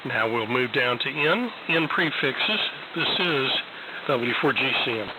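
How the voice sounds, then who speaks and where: Man, amateur radio host, halting procedural delivery, radio transmission, very heavy static noise. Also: medium pitch, animated. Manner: halting, unhurried. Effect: ham radio transmission. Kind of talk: radio net check-in procedure.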